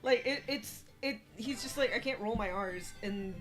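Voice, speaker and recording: A woman's voice: a little high, moderate pace, fairly bright tone. A young woman co-hosting a gaming stream, chatting casually, swearing freely and often restarting her sentences. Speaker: streamer co-host. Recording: faint game music behind.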